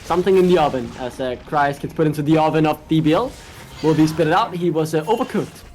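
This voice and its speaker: Excitable Danish-accented esports caster man. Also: on the high side, fast talker, soft background music. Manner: excitable, jokey, yells at big plays. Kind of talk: play-by-play commentary.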